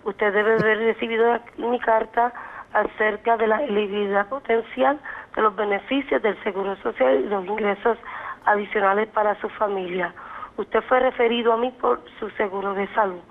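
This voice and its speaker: A woman social worker's recorded voicemail greeting, spoken slowly, carefully and courteously. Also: mid-range voice, steady tone. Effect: recorded voicemail greeting played over the phone. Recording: tinny phone line.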